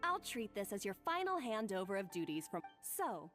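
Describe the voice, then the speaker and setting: An actress playing a proud, defensive rival chef in a video game, speaking in a haughty, curt way. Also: female voice, mid-range voice, very animated, normal speed, a bit bright, faint music behind. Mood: smug.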